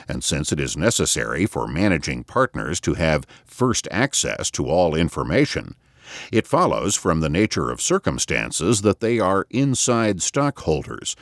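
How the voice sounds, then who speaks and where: Man narrating a novel, deep voice, dry close sound, measured expressive reading. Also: no room sound. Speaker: audiobook narrator. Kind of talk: scripted audiobook narration.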